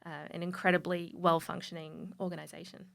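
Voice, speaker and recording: A woman's voice: on the low side, little pitch movement, fairly quick, vocal fry. An Australian woman from North Queensland, a charity guest on a radio interview, speaking in a friendly, earnest way. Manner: friendly, earnest, a few restarts. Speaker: guest, charity supporter specialist.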